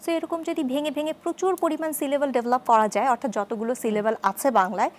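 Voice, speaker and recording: High woman's voice, therapist guest, measured and explanatory. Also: steady tone, slight background noise. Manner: measured, explanatory, repeats key terms. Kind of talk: explanatory studio discussion.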